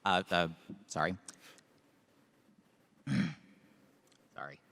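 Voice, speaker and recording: A man with a very low voice answers quiz questions, hesitating with fillers before listing technical terms. His voice carries a long reverb from a large hall. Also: drawn-out words, sharp tone. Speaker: quiz contestant.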